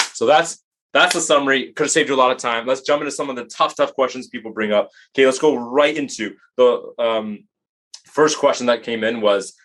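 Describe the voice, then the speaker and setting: A man giving a talk, mixing slow, emphatic statements with quick, casual asides and stories. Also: on the low side, fairly bright tone. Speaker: speaker. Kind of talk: lecture-style talk.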